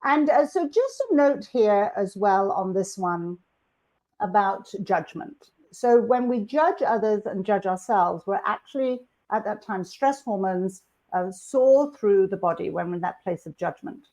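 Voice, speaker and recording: A woman's voice: mid-range voice, lively intonation, unhurried, warm tone. A woman presenting a live online workshop over a computer microphone, chatty and upbeat, with frequent fillers and restarts. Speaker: webinar presenter.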